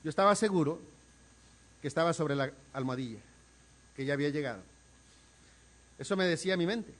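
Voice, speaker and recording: A man preaches, his voice pitched notably high. He delivers a dramatic sermon, swinging from loud pleading to hushed, near-whispered lines. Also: animated, brisk. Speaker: pastor. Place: church sanctuary.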